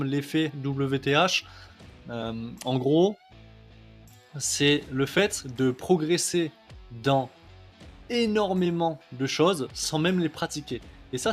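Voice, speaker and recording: A man coaching on kettlebell training in a casual video lesson, chatty, with many fillers, often checking in with "ok?". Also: medium pitch.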